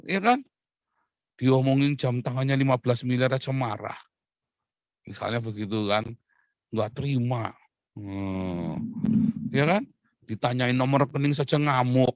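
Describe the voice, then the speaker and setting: A man preaching a casual sermon, lively and chatty, with many rhetorical questions and short chuckles. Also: mid-range voice, moderate pace, long pauses, dry recording. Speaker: pastor.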